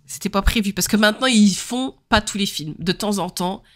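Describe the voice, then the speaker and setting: A woman in her thirties from Lorraine, France, speaks with a Lorraine French accent as she co-hosts a relaxed podcast. Her voice has a mid pitch for a woman. She tells stories with lively, animated energy. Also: moderate pace. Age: 30s. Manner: lively, animated storyteller who laughs often. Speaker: podcast co-host. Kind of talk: casual chat.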